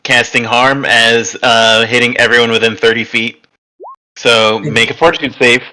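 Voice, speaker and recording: A man runs a tabletop game with a bright, sharp tone. He calls turns in a relaxed, halting way. His voice sits at an ordinary middle pitch. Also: slight background noise, rough recording. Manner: relaxed, halting, with silly put-on enemy voices. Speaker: game master.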